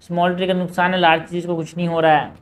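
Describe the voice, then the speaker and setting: A man working through exam quiz questions. He reads each question slowly, then explains it quickly in a casual tone, often saying "bhai" and "yaar". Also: high-pitched, level tone. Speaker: exam prep teacher. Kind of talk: solving quiz questions aloud.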